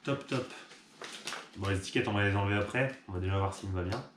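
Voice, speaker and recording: A man's voice: lowish voice, fast talker. A man who runs an online shop, chatting casually and upbeat with fillers as he unboxes a product. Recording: echoey room with clear background noise.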